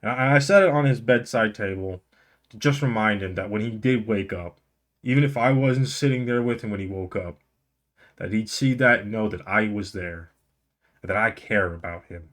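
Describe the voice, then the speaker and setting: A man's voice: on the low side, normal speed, fairly bright tone. A young man telling a story casually to camera as a vlog host, enunciating carefully through a tongue and cheek left numb by the dentist, slightly slurred. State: mouth numb on one side after the dentist, slightly slurred. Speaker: video host.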